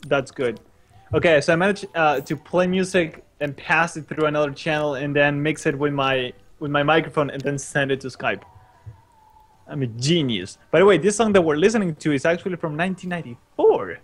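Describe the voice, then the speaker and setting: A man's voice: fairly high pitch, fairly quick. Earnest man host checking his audio. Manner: fussing with audio setup, earnest. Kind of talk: casual chat over a call.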